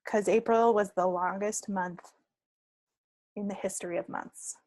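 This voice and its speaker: A woman joins a casual podcast from home via an online call, playful and talkative despite a steady, darkish, medium-pitched voice. She speaks a little slowly, and the low-quality recording has no room sound.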